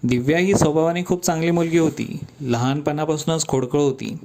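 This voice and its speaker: A man narrating a scripted story in a calm, steady storytelling manner. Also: fairly high pitch, a little fast, vocal fry.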